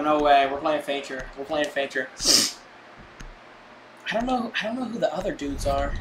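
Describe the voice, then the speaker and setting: A man's voice: a little high, noisy background. Young man, frat-bro slang, casual gaming stream chatter, headset mic, noticeable game sounds in background. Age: young adult. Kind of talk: casual live stream commentary while gaming. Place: indoor room, streaming setup. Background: shooter game sounds.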